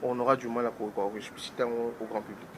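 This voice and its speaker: A man speaks as a guest on a political talk show, in an animated commentary voice. His pitch sits in the middle range. A clear noisy hiss runs under the voice. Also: fairly quick. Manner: animated, mixes French and Lingala.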